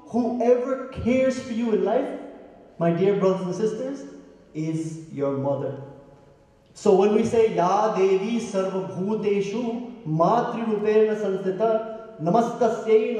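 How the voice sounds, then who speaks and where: Heard from far away in a reverberant hall, a Guyanese pandit delivers a sermon in a high, warm voice. He puts questions to the congregation and chants verses in Sanskrit.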